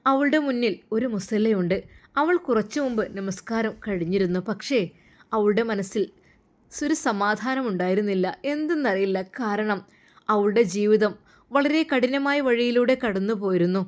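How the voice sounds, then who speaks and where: A woman reading a story aloud as narrator, calm and measured. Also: mid-range voice.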